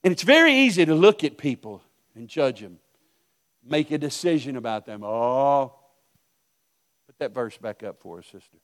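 A middle-aged male pastor preaching a sermon, telling stories and swinging from hushed asides to loud outbursts. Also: mid-range voice, big pitch swings, moderate pace, pauses often.

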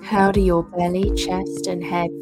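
A woman host leading a guided meditation in a soft, soothing, unhurried way. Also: lowish voice, flat delivery. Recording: music playing behind the voice. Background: instrumental music.

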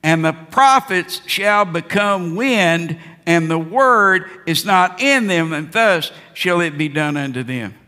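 A man delivers a fiery sermon in the manner of a wrathful prophet, admonishing his listeners. His voice is fairly high and sharp, with emphatic repeated phrases. It rings through a reverberant hall. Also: lively intonation, slow. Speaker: preacher. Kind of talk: Bible-exposition sermon. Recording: reverberant hall, long echo.

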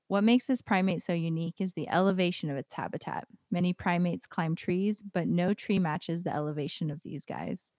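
A woman's voice: lowish voice, mellow, no room sound. A young woman co-hosting a podcast, chatting in a friendly way and reading out a segment. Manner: friendly, giggly, conversational. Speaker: podcast co-host. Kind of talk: casual chat and read-out segment.

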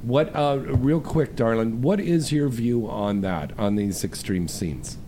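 A man's voice: mid-range voice, slow, dark tone, a little hiss or hum. A man hosting a live call-in radio show, chatting casually in an effusive, jokey, exclamatory way. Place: radio studio.

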